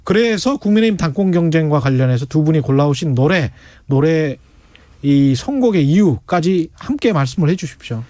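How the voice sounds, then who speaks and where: A middle-aged man hosting a radio panel, teasing his guests and cutting in with quick acknowledgments. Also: fairly high pitch, lively intonation, darkish tone, no room sound, clean studio sound. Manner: playful, teasing, frequent short acknowledgments. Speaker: radio show host. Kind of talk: casual radio panel chat.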